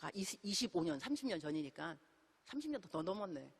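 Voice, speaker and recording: A middle-aged woman missionary preaching a sermon in a church, telling stories in an animated way and acting out the dialogue. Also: fairly low pitch, a little fast, gravelly, slightly rough. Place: church sanctuary. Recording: long hall reverb.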